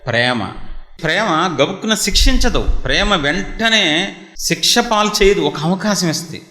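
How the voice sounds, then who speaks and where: A man preaching a sermon and asking his listeners one rhetorical question after another, often dropping to a low, intense tone. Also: animated, a little slow, bright, forceful tone, roomy sound.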